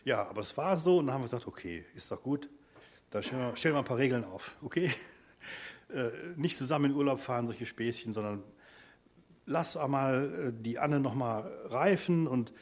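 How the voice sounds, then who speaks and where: A man's voice: mid-range voice, brisk. A middle-aged man preaching a sermon, turning emphatic and then letting his phrases fall away to a near whisper. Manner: lively, emphatic delivery that drops to soft, near-whispered phrase endings.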